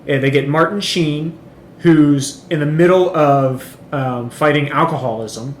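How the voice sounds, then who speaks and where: A man's voice: fairly high pitch, fairly even intonation, a little slow. A man co-hosting a podcast, chatting casually and rambling, with frequent ums and swearing. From Chile. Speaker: podcast co-host. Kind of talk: casual chat. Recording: echoey room, faint noise.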